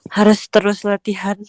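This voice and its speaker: A woman guest in a casual interview, chatting freely, laughing often and pausing to search for words. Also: mid-range voice, darkish tone. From Indonesia. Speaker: interview guest, team leader of trainees. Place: Niigata, Japan.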